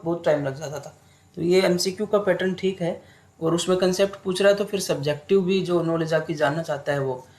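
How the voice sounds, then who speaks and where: A young man teaching an exam-prep lesson online in a relaxed, unhurried way, mixing English terms into his talk. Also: a little high.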